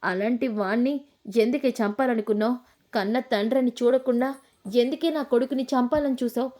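A woman's voice: fairly high pitch, steady tone, normal speed, mellow, natural voice. A woman voicing a scheming elderly grandmother who scolds and demands answers. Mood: furious. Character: scheming elderly grandmother, sharp-tongued, furious.

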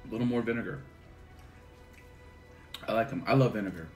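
A man's voice: lowish voice, fairly quick, a little mellow, reverberant, faint music behind. A man guest in a casual tasting chat, easygoing and describing flavors. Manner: easygoing, offers tasting notes.

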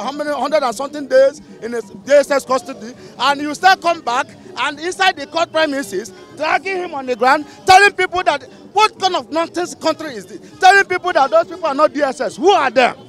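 Indignant high-voiced Nigerian man. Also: brisk, few pauses, a bit bright, soft background music. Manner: indignant, rhetorical questions. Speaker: passer-by in street interview. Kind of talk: heated street opinion. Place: busy city street outdoors. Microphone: handheld mic held by interviewer.

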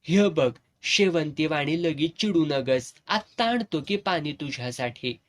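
A man's voice: on the high side, lively intonation, unhurried. Man voicing a blustering old village landlord. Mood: coaxing. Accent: rural Satara Marathi dialect.

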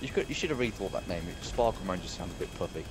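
A man's voice: low voice, quick pace, over music. A man, joking and teasing his friends with chuckling banter while they play. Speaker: player in gaming session. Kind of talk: casual gaming banter. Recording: steady game noise behind.

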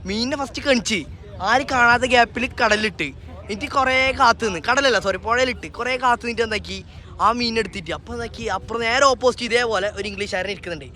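A man with a northern Kerala Malayali accent chatting and joking casually as an excitable vlogger, often repeating words. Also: very high voice, fast talker. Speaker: vlogger on an outing with friends. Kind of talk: casual joking vlog chat. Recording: outdoor noise around the voice.

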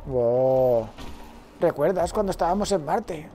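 A man, a let's play streamer giving excitable gameplay commentary and talking to himself. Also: a little high, takes it slowly, slight background noise. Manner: excitable, swears freely, talks to himself.

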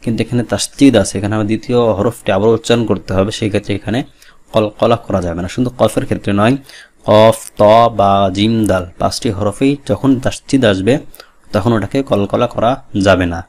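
Man, Quran reading teacher, low voice, slow drilled syllables, earnest explanations. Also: a little mellow. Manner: spells out letters and vowel marks, then drills syllables slowly and repeats them; explains rules plainly and earnestly, urging students to read along. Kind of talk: step-by-step recitation lesson.

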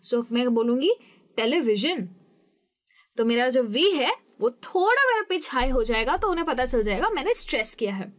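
A young woman teaching an English lesson, explaining patiently step by step and saying example words slowly. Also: high-pitched, big pitch swings.

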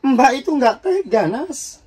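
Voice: sits high, big pitch swings, slow pace, darkish tone, breathy edge, heavily acted. Worried older sister, as an actor voices her. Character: worried older sister Lela, young adult woman.

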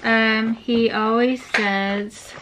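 A woman's voice: on the high side, fairly even intonation, drawn-out words, rough recording. A woman chatting casually at home during dinner as she patiently coaxes answers out of her young child. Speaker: mother and channel host. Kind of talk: casual home vlog chat. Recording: loud background noise.

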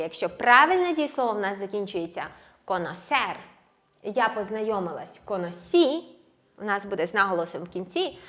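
A woman teaching a language lesson, slowly and clearly drilling verb forms one by one. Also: fairly high pitch, pushed and bright. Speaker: Spanish teacher. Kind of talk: online grammar lesson.

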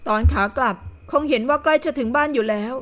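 A woman voicing a gossiping lady in purple in an audio novel, speaking in a low, conspiratorial voice. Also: fast, fairly bright tone. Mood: confiding. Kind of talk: audiobook character voice.

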